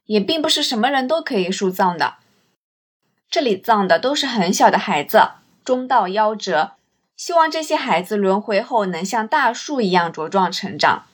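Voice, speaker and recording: Reflective woman narrating a travel story. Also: medium pitch. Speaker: storyteller and host. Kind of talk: scripted first-person travel narration.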